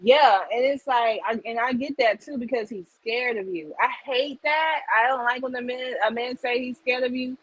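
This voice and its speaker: A woman's voice: fairly high pitch, moderate pace, few pauses, poor audio. A woman giving a casual live psychic tarot reading, rambling conversationally and checking in with listeners. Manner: rambling and conversational, heavy on "like" and "you get what I'm saying". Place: home livestream setup.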